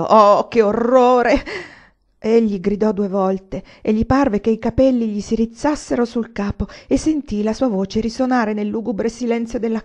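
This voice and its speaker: A woman reading a novel aloud in a measured, expressive way, in a slightly dull lo-fi recording. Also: medium pitch. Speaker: audiobook reader. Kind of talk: literary audiobook narration.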